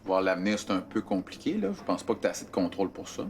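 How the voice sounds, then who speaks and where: A woman voicing a calm, patient teen who coaches her friend in a cartoon. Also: a bass voice, quick pace. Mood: doubtful. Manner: level, coaching. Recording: clear background noise.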